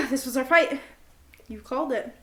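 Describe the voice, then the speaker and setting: Her voice is high and animated but a bit slow as this young woman co-hosts a podcast, goofing around and giggling at her own expense. The chat is casual between best friends, mixed with journal readings, and the indoor recording has a spacious echo.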